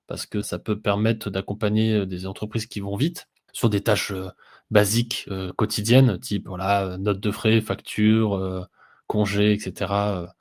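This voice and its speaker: A man co-hosting a business podcast, explaining things steadily and pausing often with filler sounds. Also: lowish voice, flat delivery, darkish tone. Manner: hesitant, many "heu" fillers, explanatory. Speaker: podcast co-host, business software consultant. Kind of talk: casual business podcast discussion.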